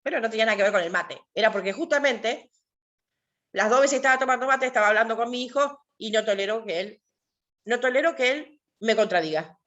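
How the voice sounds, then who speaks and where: A woman's voice: on the high side, fairly quick, fairly bright tone, muffled recording. A woman with an Argentine accent teaching an online class, explaining with emphatic repetitions and rhetorical questions. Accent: Argentine Spanish. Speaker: workshop teacher.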